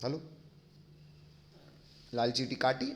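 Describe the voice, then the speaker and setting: A man's voice: medium pitch, steady tone, slow pace, slight background noise. A man teaching a chemistry lecture, explaining step by step, calling his pupils kids and often checking whether they follow. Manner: addresses pupils affectionately as kids.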